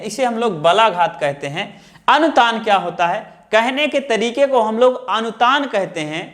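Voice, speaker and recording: A man with a high, slightly bright voice teaches a grammar lesson slowly, working step by step through counted lists and repeating the key terms.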